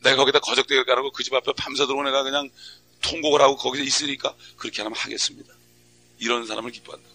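A man's voice: medium pitch, level tone, rapid-fire, bright, forceful tone. A middle-aged man preaching a fervent sermon as a pastor, full of rhetorical questions and acted-out prayers.

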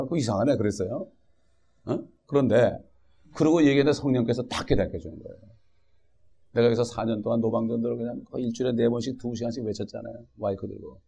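A pastor reads scripture aloud during his sermon, then speaks animatedly and keeps throwing rhetorical questions at the congregation. His voice is medium-pitched, gravelly and slightly rough.

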